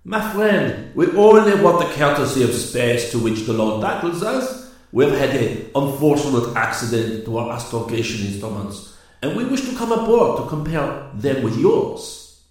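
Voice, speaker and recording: A man voicing a suave French cruiser commander who talks smoothly and with false reassurance. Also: medium pitch, big pitch swings, normal speed, very echoey, pitched above the performer's own voice, lightly acted, rough recording.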